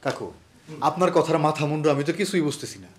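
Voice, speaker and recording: A man's voice: fairly high pitch, fast talker, lightly acted. An actor playing a puzzled younger village man in a comic TV drama, protesting and questioning in a rural Bangladeshi accent. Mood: indignant, puzzled.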